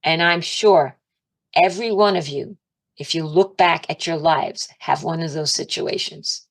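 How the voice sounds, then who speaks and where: A woman giving an informal, chatty sermon, animated, laughing often and raising her voice to act out her pleas to God. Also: low-pitched, unhurried. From Italian and Irish heritage. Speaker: spiritual teacher.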